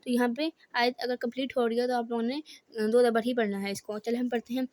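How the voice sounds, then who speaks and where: A woman with a Pakistani Urdu accent teaches Quran reading to beginners. She explains each rule patiently and then recites the words slowly and deliberately. Her voice sits slightly high, recorded close with a dry, dead sound. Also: flat delivery, a little mellow, dry recording. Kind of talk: step-by-step recitation lesson.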